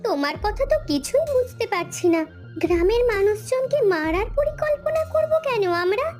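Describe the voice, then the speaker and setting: A woman's voice: extremely high pitch, animated, normal speed, darkish tone. A woman voicing an innocent, bewildered young village wife in a cartoon dub. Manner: bewildered, pleading. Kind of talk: cartoon dubbing. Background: faint music.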